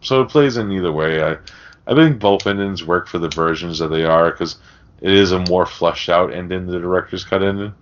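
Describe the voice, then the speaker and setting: Here a man co-hosting a podcast chats casually about film, rambling and sweary. His voice sits low and he talks briskly, over dull, lo-fi podcast audio.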